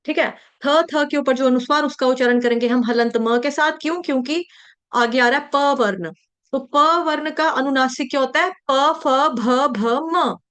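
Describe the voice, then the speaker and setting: An Indian woman teaching chant recitation, drilling words slowly and repeating each syllable, then explaining the rules briskly. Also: high-pitched, fairly bright tone. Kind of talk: slow syllable-by-syllable recitation lesson.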